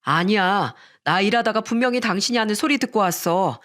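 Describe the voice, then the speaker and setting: A woman's voice: medium pitch, expressive, fairly quick, fairly bright tone, lightly acted. A woman reading a worried young husband. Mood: concerned. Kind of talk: radio story reading.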